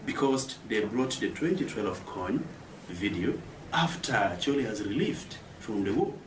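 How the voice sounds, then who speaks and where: A Ugandan man from northern Uganda, a student leader, giving measured interview answers with many pauses. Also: lowish voice, lively intonation. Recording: roomy, distant mic, noisy outdoor ambience.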